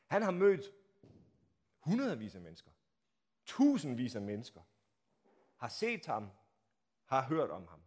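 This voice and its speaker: A man preaching a sermon, telling the story dramatically, acting out the crowd's shouts and asking the listeners rhetorical questions, swinging from hushed to loud. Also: medium pitch, huge pitch swings, pauses often. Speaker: pastor. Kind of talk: Palm Sunday sermon.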